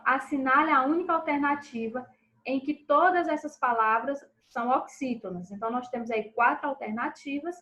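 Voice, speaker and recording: A woman teacher going through a recorded review lesson for pupils, checking in with them after each answer and stressing syllables slowly and clearly. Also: high-pitched, fairly bright tone, poor audio.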